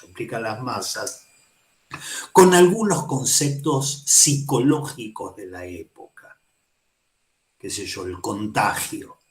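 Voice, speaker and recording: Speaking in a lowish voice inside an echoey room, this man with an Argentine Spanish accent teaches psychoanalysis. His university lecture wanders casually from point to point, punctuated by frequent "¿sí?" checks.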